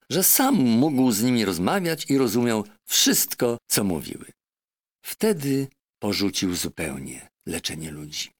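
A man narrating a children's novel as an audiobook, with an expressive, measured storytelling manner. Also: lowish voice.

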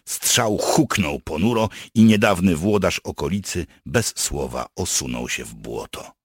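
A man narrating an audiobook with dark, wry storytelling. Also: low voice, lively intonation, a little slow, breathy edge, dry recording, clean studio sound. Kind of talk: scripted narration.

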